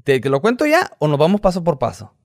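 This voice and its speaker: A man's voice: fairly high pitch, wildly swooping pitch, quick pace, no echo, studio quality. A Mexican man, a podcast guest, talking casually and rambling, often losing his thread. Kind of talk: casual chat.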